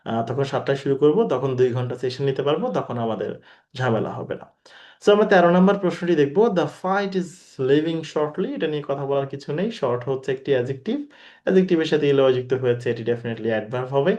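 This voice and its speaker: A man's voice: mid-range voice, expressive, brisk, darkish tone, highs cut off. A man giving a recorded exam-prep grammar lecture, who repeats his key points, asks the class rhetorical questions and mixes English words into his talk. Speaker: teacher.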